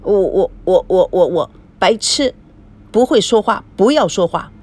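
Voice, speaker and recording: An awkward young husband who stammers and trips over his words, as a storyteller plays him. The voice sounds a little husky. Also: medium pitch, expressive, unhurried, a little mellow.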